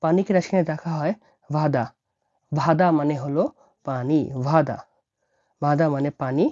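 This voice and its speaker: Low-voiced woman spelling words out slowly. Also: warm tone, dry recording. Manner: spells words out letter by letter, repeats each word. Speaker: language teacher. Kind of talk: slow explanatory lesson. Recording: dull lo-fi dry recording.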